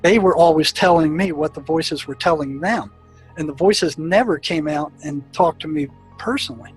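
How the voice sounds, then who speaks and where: Halting man recounting past cases. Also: a little high, faint music behind, rough recording. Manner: halting, repeats words and restarts often. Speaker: former prison therapist. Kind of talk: storytelling recollection.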